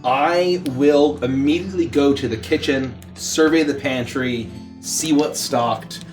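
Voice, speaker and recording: A man's voice: mid-range voice, slow pace, darkish tone, far from the mic, faint music behind. A man improvising his character's actions as a player in a tabletop role-playing game.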